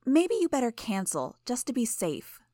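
A woman reading aloud and voicing a brash, bratty teenage girl villain who mocks and argues loudly. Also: on the high side, moderate pace, no room sound, studio quality, pitched above the performer's own voice, natural voice. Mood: teasing. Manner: loud, mocking and combative.

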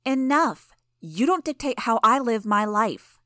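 Bratty teen girl villain, loud and mocking, high voice as a woman narrator puts her on; dry close sound. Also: moderate pace, dry recording, lightly acted. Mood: angry.

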